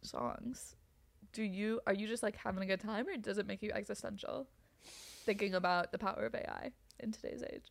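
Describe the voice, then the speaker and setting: A young woman co-hosting a podcast in casual chat, playful and quick to laugh, dropping into soft asides, her throat a little rough. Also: mid-range voice, steady tone, no echo. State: slightly throaty, clearing throat. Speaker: podcast co-host.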